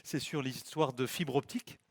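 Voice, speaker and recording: A man's voice: mid-range voice, fairly even intonation, moderate pace, vocal fry, slightly rough. A man moderating a panel, asking questions in a chatty, informal way.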